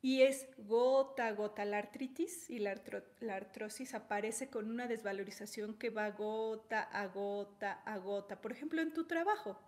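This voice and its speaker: A woman's voice: medium pitch, normal speed, few pauses. A woman giving a conversational teaching talk on health, telling examples and checking in with little tag questions. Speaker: holistic health speaker.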